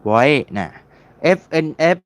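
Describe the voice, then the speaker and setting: A man's voice: medium pitch, takes it slowly, smooth, no echo. Chatty man walking through a tutorial. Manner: chatty, repeats words while searching and clicking. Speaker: mobile game modding tutor. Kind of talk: casual screen-recorded tutorial.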